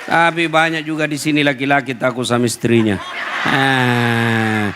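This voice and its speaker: A man's voice: medium pitch, steady tone, unhurried, a crowd in the background, background noise. A man with a Bugis accent giving a humorous sermon, teasing and addressing the audience directly. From Bugis, South Sulawesi, Indonesia. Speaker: preacher.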